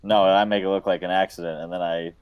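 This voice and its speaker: A man's voice: low voice, flat delivery, fast talker, clear, resonant tone, dull audio. A man playing a tabletop role-playing game, describing his character's sly moves playfully. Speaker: player. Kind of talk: casual tabletop game play.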